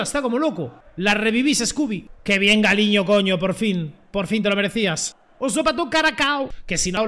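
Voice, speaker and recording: Excitable young man gaming. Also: sits high. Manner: excitable, joking, shouts at plays. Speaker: gaming streamer. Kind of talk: live gameplay commentary.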